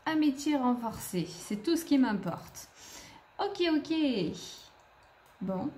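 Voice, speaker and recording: A woman's voice: fairly high pitch, animated, measured pace, dark tone, a little hiss or hum. Chatty woman narrating her game. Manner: chatty, talks to the game characters. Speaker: gaming video creator. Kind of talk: casual let's-play commentary.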